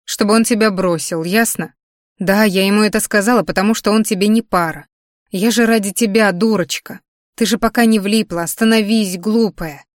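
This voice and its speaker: A woman's voice: mid-range voice, fairly even intonation, moderate pace, no room sound, studio quality, close to an everyday voice. A woman voicing a worried aunt in her late thirties who scolds and pleads with her niece in an audiobook. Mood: pleading, scolding.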